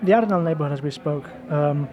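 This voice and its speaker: A man's voice: a little high, fast, lo-fi sound. A man hosting a walking tour outdoors on a city street, talking in a chatty, digressive way full of fillers. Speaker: podcast host and tour guide.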